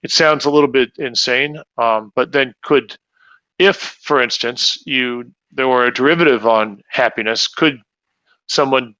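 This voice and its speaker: A man's voice: medium pitch, a little slow, sharp tone, no room sound, muffled recording. A man speaking as a guest in a casual panel discussion, thinking aloud with many restarts.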